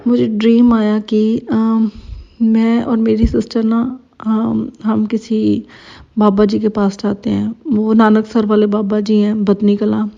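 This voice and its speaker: Woman, thirties, gravelly, flat delivery, dull lo-fi sound. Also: on the high side, slow. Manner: emotional, hesitant storytelling with many fillers. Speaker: devotee sharing a testimony. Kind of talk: personal testimony. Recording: dull lo-fi recording.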